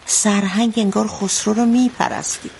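A woman's voice: mid-range voice, steady tone, vocal fry, a little hiss or hum, natural voice. An actress playing an anxious mother who recounts a bloody wedding in a radio drama, telling it vividly. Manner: vivid storytelling, shouting out the quotes she retells.

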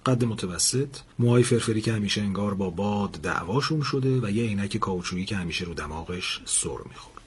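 A man's voice: lowish voice, few pauses. A man telling a story aloud, narrating and voicing the people in it. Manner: lively storyteller, voices the characters in dialogue. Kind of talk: storytelling narration with character voices.

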